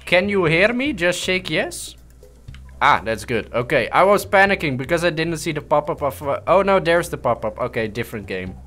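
A man's voice: on the high side, sing-song, normal speed, fairly bright tone. A young Dutch man with a Dutch accent giving joking, swear-filled game commentary and dropping into English and mock German. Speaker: gaming streamer. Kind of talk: casual gameplay commentary.

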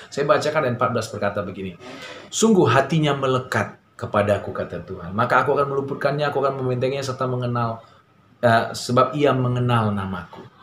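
A man preaching a sermon in a conversational way, often filling pauses and telling stories with animation. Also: medium pitch. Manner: conversational preaching with many fillers; animated storytelling. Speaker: pastor. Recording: roomy echo, faint ambient noise.

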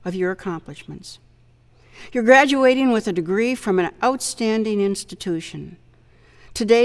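A woman at a podium giving a steady, formal commencement message on behalf of the board of governors. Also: mid-range voice, long reverb tail. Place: indoor hall with banners, at a podium.

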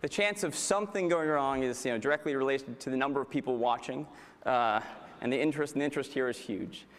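A man's voice: mid-range voice, fast, some chatter behind, a little hiss or hum. A man presenting on stage at a product keynote, with a polished, upbeat delivery, speaking into a headset mic. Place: large conference hall stage. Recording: large hall reverb.

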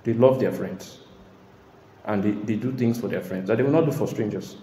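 A man preaching a sermon in an emphatic way, now and then bursting into shouts and laughter. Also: fairly low pitch, normal speed, slight background noise. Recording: echoey hall.

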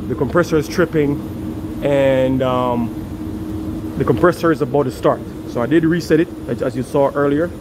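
A man's voice: medium pitch, normal speed. A man working as an HVAC technician, talking casually to his viewers while filming a commercial AC unit, often repeating and restarting his words. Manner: chatty, repeats himself, restarts lines. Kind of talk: casual on-the-job vlog. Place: beside a commercial rooftop AC unit. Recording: loud machine noise behind the voice.

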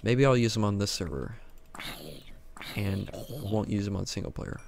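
A man's voice: fairly low pitch, normal speed, gravelly, darkish tone, a little hiss or hum. A man casually commenting on his Minecraft game, talking to himself and the mobs, with frequent exclamations. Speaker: gaming YouTuber.

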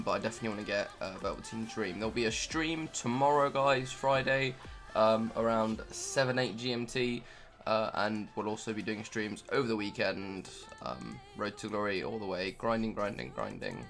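A young gaming YouTuber rambles casually over his card-game footage, his lowish, fairly bright voice animated at a normal pace. His offhand commentary is full of ums and other fillers, with faint music playing behind.

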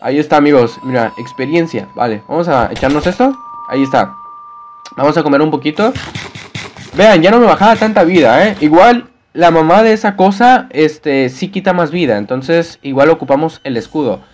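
A man's voice: on the high side, expressive, normal speed. A young man giving Let's Play commentary as he plays a game, chatting with viewers and yelping and screaming whenever he gets scared. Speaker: gaming youtuber.

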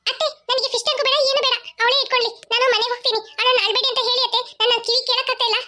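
A bratty little cartoon girl with a very high, squeaky voice begs and whines. The soundtrack has steady noise behind it. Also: rapid-fire. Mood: sulky. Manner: pleading, whiny. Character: bold bratty little girl who wants a fish tank.

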